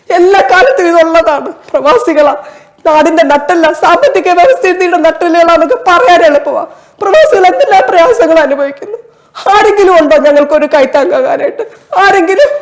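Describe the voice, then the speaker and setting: A woman's voice: on the high side, mellow, close to an everyday voice. Woman acting out a frantic stranded traveler, tearful. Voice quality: tearful, pleading, breaking voice. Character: desperate stranded traveler at airport, father dying. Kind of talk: one-person stage monologue.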